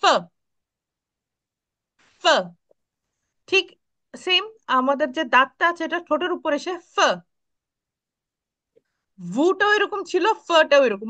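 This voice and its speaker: A woman's voice: high-pitched, a bit bright. A woman teaching Italian pronunciation on a video call, patiently repeating sounds for students to echo. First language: Bengali. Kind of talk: online class, pronunciation drills.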